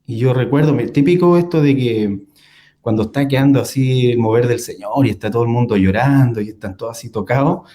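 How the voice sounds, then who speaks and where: A young man recounts a personal experience as a guest in a conversation. His voice is warm and dark in tone, and his pitch sits in the middle range. He talks loosely, with many fillers and short laughs. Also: a little fast. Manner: storytelling with frequent fillers and laughs. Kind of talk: casual testimony in a conversation.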